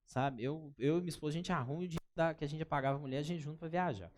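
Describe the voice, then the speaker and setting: A man with a Brazilian accent teaching a live workshop, chatty and animated, often turning to the audience with anecdotes. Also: fairly high pitch, racing. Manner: animated, chatty, keeps calling the audience "gente" and telling anecdotes. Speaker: workshop instructor.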